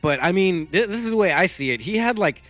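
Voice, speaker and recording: Guy esports caster, casual banter, sharp bright voice kinda high, bit of music under it. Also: lively intonation, fast talker, no room sound. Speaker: esports commentator.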